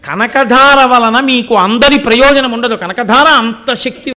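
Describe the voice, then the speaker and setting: High, bright-voiced man giving a devotional discourse. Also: measured pace. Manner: animated, addresses listeners directly, acts out voices and chants Sanskrit verses. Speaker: religious discourse speaker.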